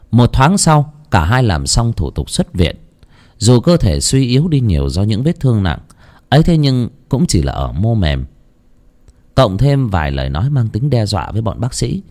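Guy reading a ghost story, low warm voice, swings up n down a lot. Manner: expressive, dramatic storytelling.

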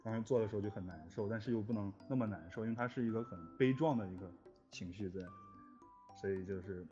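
This composer for audio dramas has a lowish, dark-toned voice and a quick delivery. Interviewed, he reflects in a relaxed, earnest way, his wording a little hesitant. Music runs in the background of the dull, lo-fi recording.

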